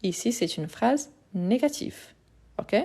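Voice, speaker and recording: A woman's voice: on the high side, expressive, slow, creaky, mellow, breathy edge. A woman teaching French grammar in a live lesson, patient and methodical, repeating examples step by step, Portuguese her first language.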